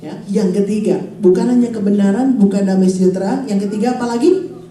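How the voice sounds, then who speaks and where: A woman in her forties, a pastor preaching a lively sermon and calling out to her congregation. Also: medium pitch, brisk. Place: church hall. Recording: echoey hall, voice from far off.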